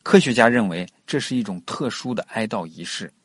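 一位男主播以富有表现力的讲解口吻，像自然纪录片解说一样给孩子讲科学故事，不时向听众提问。. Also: male voice, on the low side, a little fast, no echo, clean studio sound. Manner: expressive, explanatory, puts questions to the listener. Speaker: host of a children's science story show. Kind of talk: scripted educational storytelling for children, nature documentary narration.

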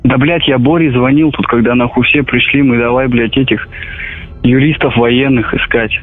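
A soldier on an intercepted radio phone call, talking coarsely and swearing constantly. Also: male voice, medium pitch, fairly even intonation, normal speed. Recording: tinny intercepted phone line, faint music.

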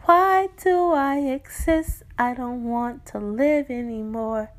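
A woman voices her own wounded reflection, a young woman who speaks to her urgently and emphatically, slowly pleading with her to heal. Her pitch is fairly high and her mood is anguished.

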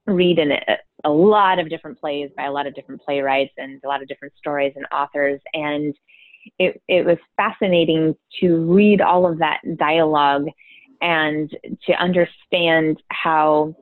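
A drama therapist talks through her ideas in a podcast interview, frequently checking in with "right?" Her voice sits low, and the sound is a dry, phone-like line with no echo.

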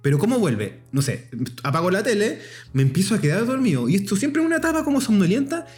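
A man with a Chilean accent, chatting casually on a podcast in an expressive, self-mocking way. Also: high voice, fast talker, faint music behind. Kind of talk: casual chat.

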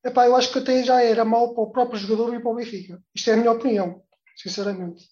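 A man's voice: very high voice, steady tone, racing, darkish tone. A man calling in to give his opinion, indignant and emphatic, dropping "pá" as he talks. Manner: indignant, emphatic, uses "pá" and "epá". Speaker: caller. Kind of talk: phone-in opinion. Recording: dull lo-fi call audio.

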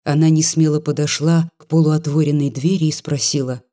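A reader narrating a literary short story in a steady storytelling manner. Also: mid-range voice, brisk. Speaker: audiobook reader.

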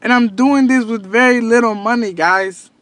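The man speaking is a podcast host and entrepreneur of thirty, giving an earnest, casual pep talk full of repetitions and restarts. His voice is very high and fairly bright, at a normal speed and free of echo.

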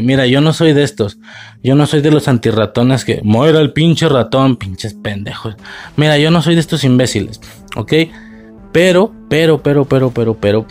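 A man's voice: medium pitch, a little mellow. Profane ranting Mexican man. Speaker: video reviewer. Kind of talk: casual review rant.

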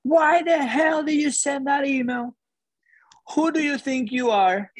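A man's voice: extremely high pitch, measured pace, no room sound, voice pushed up. A man acting out a short, furious male bank executive who screams at an employee in front of the office. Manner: screaming, indignant.

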